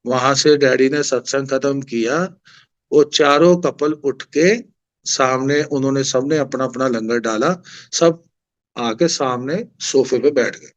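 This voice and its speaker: A man's voice: mid-range voice, slow pace. A middle-aged man with a Punjabi accent, telling a devotional story at a satsang in a conversational way and acting out the dialogue. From Punjab, India. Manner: conversational, acts out quoted dialogue. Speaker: satsang devotee sharing experience.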